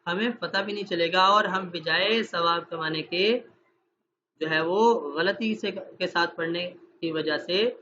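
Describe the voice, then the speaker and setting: A man teaching an online Quran recitation class with a dry throat from fasting. He explains through examples and asks his students questions. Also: high voice, sharp tone. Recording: dull, slightly noisy online call audio.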